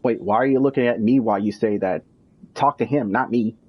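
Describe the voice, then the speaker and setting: A man's voice: lowish voice, a little fast, highs cut off, noisy background. A male streamer giving sarcastic, joking commentary over a game. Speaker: gaming streamer. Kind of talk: casual commentary over gameplay.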